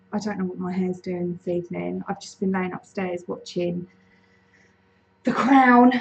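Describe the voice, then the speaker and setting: A woman's voice: mid-range voice, vocal fry, rough recording. A woman from the UK hosting a casual live-stream chat from home, bubbly and chatty, greeting viewers by name. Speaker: lifestyle channel host. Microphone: desk mic.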